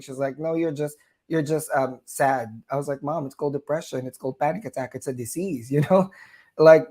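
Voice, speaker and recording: In a chatty interview, a Filipino nurse with a Southern US twang drops fillers and laughs between his phrases. His voice is mid-range with a darkish tone.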